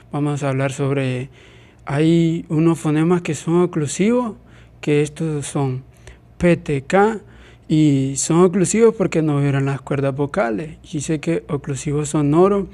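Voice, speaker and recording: A man explaining a phonetics lesson in a hesitant way, with many pauses and restarts. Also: a little high, darkish tone.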